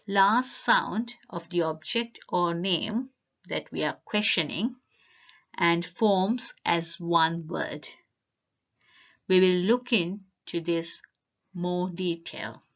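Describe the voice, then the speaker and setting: A woman giving a language lesson, explaining grammar step by step with careful, deliberate phrasing. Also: fairly low pitch, muffled recording. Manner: careful, deliberate word-by-word delivery. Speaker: language teacher. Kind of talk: slow instructional explanation.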